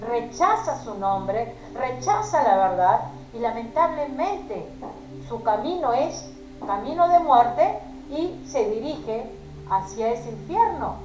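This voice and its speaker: A woman's voice: fairly high pitch, very animated, takes it slowly, a little mellow, echoey room, slight background noise, rough recording. Woman preaching a pleading sermon. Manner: pleading, emotional preaching addressed to sisters.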